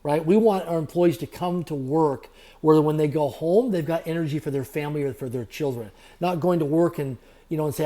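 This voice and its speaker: A man speaks at a rapid clip in an interview, stacking phrases in repeated lists. His voice sits a little high for a man but sounds warm and mellow. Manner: fast, repetitive motivational phrasing. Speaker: guest, entrepreneur. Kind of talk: podcast interview.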